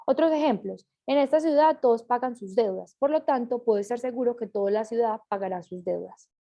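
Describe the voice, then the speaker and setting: A woman reads out a class presentation in a mellow, warm tone. Her pitch sits a little high, and she stumbles now and then and corrects herself mid-sentence. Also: brisk. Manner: reads aloud with small slips and self-corrections.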